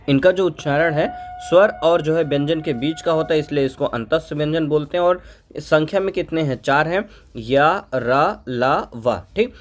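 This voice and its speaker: Man tutor, slightly high voice, drilling the hindi alphabet letter by letter, keeps asking and answering his own questions. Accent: North Indian Hindi. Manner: asks the class questions and answers them himself, repeating letters slowly. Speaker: teacher. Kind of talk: exam-prep Hindi grammar lesson.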